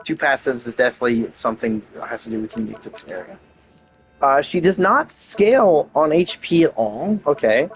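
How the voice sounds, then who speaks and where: A man casually rambling and thinking out loud as he plays a video game, swearing now and then. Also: mid-range voice, animated, brisk, low-quality recording. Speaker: gaming video creator. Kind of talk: casual gameplay commentary.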